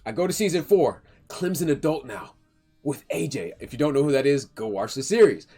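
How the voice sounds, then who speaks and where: A young man streaming, telling a story in a casual, animated and emotional way, full of slang and restarts. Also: medium pitch, slightly rough, faint music behind. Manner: animated, emotional, talks fast with slang and self-interruptions.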